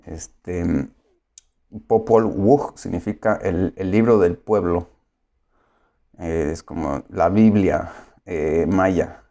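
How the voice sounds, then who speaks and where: A man giving a lecture, pausing often with filler sounds and explaining patiently. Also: low voice, warm tone. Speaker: course lecturer.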